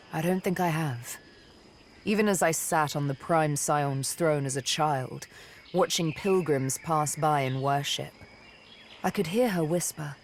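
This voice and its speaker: An actress with a deep female voice plays a vengeful, seductive elf assassin in a video game, delivering lines deliberately and teasingly, often in a murmur. There's slight background noise.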